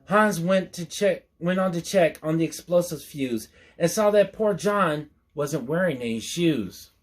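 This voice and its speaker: Reading a picture book aloud, a male storyteller with a fairly high-set voice goes very leisurely and a little slowly. He renders the rhymes expressively, playfully tossing in casual, folksy asides to his listeners.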